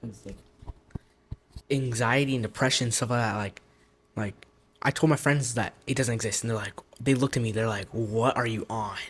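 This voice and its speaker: A young man speaks in a casual, filler-heavy way. His voice is husky and sits at a middling pitch. It is an unscripted conversation. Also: normal speed, long pauses. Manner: relaxed, many fillers. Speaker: guest. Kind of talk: casual testimony.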